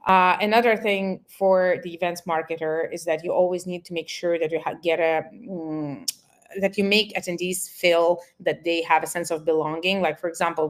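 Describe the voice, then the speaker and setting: Woman, lowish voice, earnest webinar talk, many fillers. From Russia. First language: Russian. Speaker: events marketer presenting. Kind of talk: webinar presentation.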